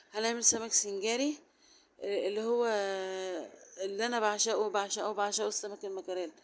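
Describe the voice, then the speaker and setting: A woman with an Egyptian Arabic accent and a sore, hoarse throat, chatting her way through a casual home vlog. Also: mid-range voice. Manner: chatty, rambling, fond of fillers. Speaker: home vlogger.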